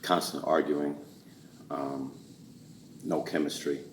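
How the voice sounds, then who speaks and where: A man talking in a calm, measured way as a guest on a talk show, with a deep baritone voice. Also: recorded from a distance, a little hiss or hum. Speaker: guest actor. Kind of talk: casual interview chat. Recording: roomy and off-mic.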